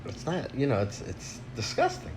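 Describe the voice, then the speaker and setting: A man rambles through a crude, casual rant, recorded on a phone while he snacks. His pitch swings widely from low mutters to sudden high bursts. A faint background hiss sits under the voice. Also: wildly swooping pitch, moderate pace. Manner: crude, rambling, frequent fillers. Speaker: vlogger.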